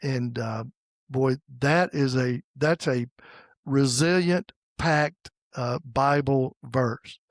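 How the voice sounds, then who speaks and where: A man in his sixties from the United States, hosting a podcast in a casual faith conversation and pausing often with fillers and restarts. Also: mid-range voice, no room sound, studio quality. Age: 60s. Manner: halting, with many fillers and restarts. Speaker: podcast host.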